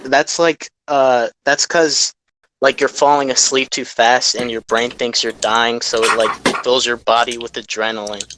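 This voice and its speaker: A man's voice: mid-range voice, steady tone, unhurried, sharp tone, slight background noise, low-quality recording. A young man chatting bluntly on a podcast with crude jokes. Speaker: podcast guest. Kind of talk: casual chat.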